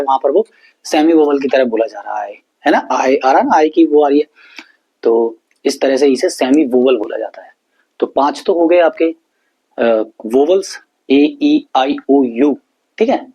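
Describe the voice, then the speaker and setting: A man's voice: medium pitch, dark tone, low-quality recording. A male teacher explaining basic grammar in a lesson, spelling letters aloud and checking in with his students often. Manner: reads English definitions very slowly. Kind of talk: classroom-style lesson explanation.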